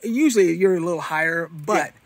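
A man's voice: fairly high pitch, fairly quick, no echo. A middle-aged man chatting casually as a visitor, speaking from behind a handheld camera. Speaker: visitor filming a tour. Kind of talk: casual chat. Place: large indoor warehouse and store.

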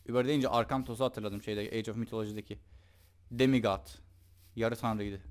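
A man's voice: on the low side, fairly even intonation, fairly quick, smooth. A young man giving casual, joking commentary over his own gameplay and talking to the creatures in the game. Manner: chatty, joking, talks to the game's mobs. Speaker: gaming YouTuber.

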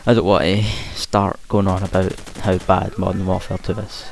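Low, even-toned man with broad Scottish accent. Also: normal speed. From Scotland. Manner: hesitant, trying to speak clearly. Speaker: gaming commentator. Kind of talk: casual gameplay commentary. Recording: hissy home mic with faint noise. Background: game gunfire.

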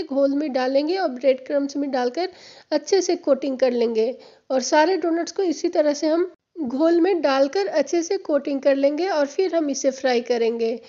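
Friendly and instructive, a woman who hosts a home cooking channel walks viewers through a recipe one step at a time, going back over each step patiently. Her voice is high, mellow and a little hoarse, and the audio is lo-fi and dull, as though recorded on a phone over the kitchen counter.

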